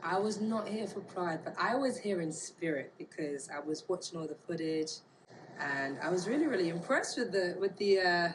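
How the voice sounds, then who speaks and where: Low-pitched woman, thoughtful and halting. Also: animated. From Bermuda. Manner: thoughtful, halting, searching for words. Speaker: interviewee. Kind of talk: casual reflective interview talk. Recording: clear background ambient noise.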